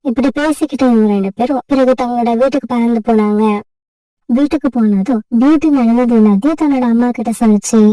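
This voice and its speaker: A woman narrating a children's cartoon story in a steady storytelling manner. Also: on the high side, fairly quick, dry recording, distant mic, poor audio.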